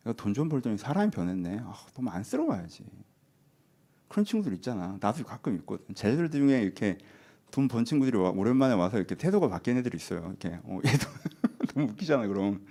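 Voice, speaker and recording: Lively conversational male preacher. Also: mid-range voice, quick pace. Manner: conversational preaching with acted-out asides. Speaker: pastor. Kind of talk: sermon.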